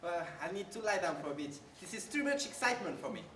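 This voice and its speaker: A man's voice: high voice, very animated, fast, fairly bright tone. A young man acting a scheming, vengeful royal advisor in a student stage play, theatrical and gloating. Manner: theatrical, swings from gloating to sighing. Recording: echoey hall, far mic, some noise.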